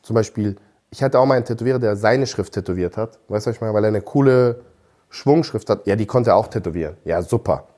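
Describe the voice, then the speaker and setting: A man's voice: on the low side, fast talker, dark tone. A man co-hosting a podcast in casual chat, arguing insistently and often asking if you get what he means. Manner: argumentative, insistent, keeps asking "weißt du, was ich meine?". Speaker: podcast co-host.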